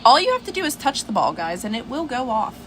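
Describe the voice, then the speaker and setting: A woman's voice: on the high side, quick pace. A woman hosting a casual livestream from home, chatting and addressing her listeners by name. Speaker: livestream host. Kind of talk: casual livestream chat with viewers. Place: at home indoors. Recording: noisy livestream with steady background hiss.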